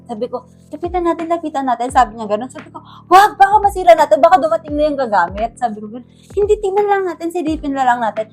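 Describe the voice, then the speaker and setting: A young Filipino woman with a high, fast voice animatedly recounts her proposal in casual storytelling, acting out the lines she said. Soft music plays in the background.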